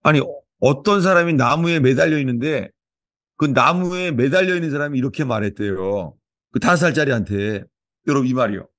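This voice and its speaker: Chatty storytelling Korean pastor, dry sound. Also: male voice, mid-range voice, fairly quick, fairly bright tone, no room sound. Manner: chatty storytelling, repeats phrases, stumbles and restarts. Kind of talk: informal sermon and sharing time.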